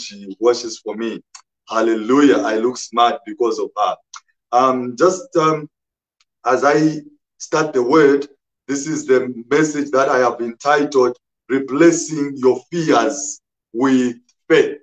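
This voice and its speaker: Slow, deliberate male pastor preaching. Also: medium pitch, steady tone, lo-fi sound. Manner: slow, emphatic, repeats scripture references. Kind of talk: sermon.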